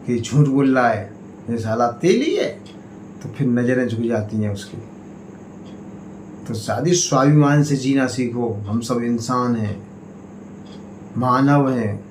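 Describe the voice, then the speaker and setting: A man giving a political speech to community members, in slow, emphatic oratory that swings between raised appeals and low warnings. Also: a little hiss or hum. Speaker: party state president. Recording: echoey room, faint ambience.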